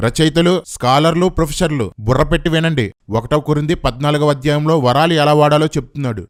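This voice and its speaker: A man giving a combative religious rebuttal, mocking his opponent and firing rhetorical questions. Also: a little high. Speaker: commentator rebutting preachers.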